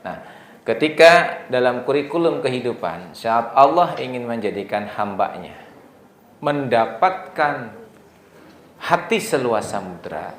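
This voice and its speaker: Preacher quizzing the crowd. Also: male voice, mid-range voice, reverberant, a little hiss or hum. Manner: asks the audience questions and answers them himself; acts out tearful prayers in a soft, hushed voice. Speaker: preacher at a mothers' study circle. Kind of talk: religious lecture to women.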